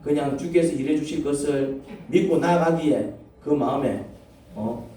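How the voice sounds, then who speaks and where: A man's voice: on the high side, moderate pace, warm tone, slight background noise. A man, a pastor, preaching a sermon in a church and firing questions at the congregation. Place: church sanctuary. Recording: echoey church from a distance.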